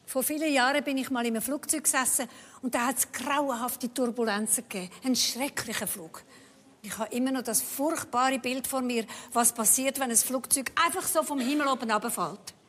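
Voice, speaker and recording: An older actress playing a reserved, prim lady on stage, speaking in a measured and guarded way. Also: high-pitched, a bit bright. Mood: wistful, anxious. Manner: measured, guarded, short replies. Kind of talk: stage comedy-drama acting. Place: indoor theatre stage. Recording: reverberant theatre stage, faint noise.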